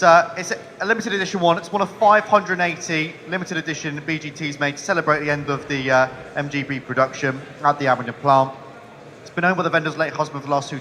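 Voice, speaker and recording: A man's voice: on the high side, pushed and bright. A man working as an auctioneer at a live sale, calling and repeating bids in a chant.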